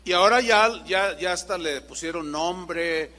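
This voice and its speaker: A pastor preaching a sermon, asking rhetorical questions and acting out little dialogues. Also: male voice, high-pitched, a little slow, pushed and bright. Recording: reverberant church hall.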